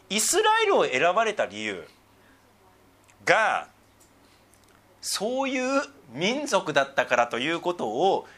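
A middle-aged man, a pastor preaching a sermon, who swings between emphatic raised passages and soft, murmured asides. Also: high voice.

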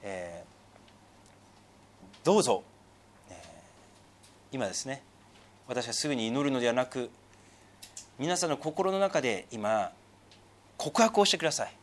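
A man preaching a sermon in a church as pastor, stretching key words slowly for emphasis and dropping to a hushed voice, then praying in a quiet tone. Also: animated. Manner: lowered, quiet tone when praying. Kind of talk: sermon with congregational prayer.

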